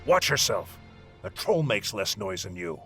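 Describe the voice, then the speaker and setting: A man's voice: on the low side, very animated, a little slow, bright, forceful tone, faint music behind, exaggerated voice. A man playing a hostile, bossy warrior leading a scouting mission in a video game, curt and scornful. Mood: stern, commanding. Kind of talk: video game dialogue acting.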